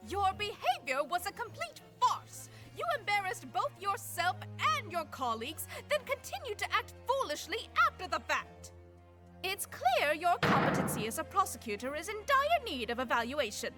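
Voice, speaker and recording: A woman voicing a pompous, formal mare on a high council, speaking in a proper, scolding manner in fan game voice acting.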